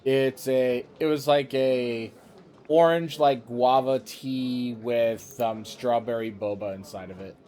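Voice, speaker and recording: A man's voice: mid-range voice, steady tone, slow pace, warm tone. Man reading game text on a live stream. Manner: reads game dialogue aloud and jokes. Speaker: let's-play streamer.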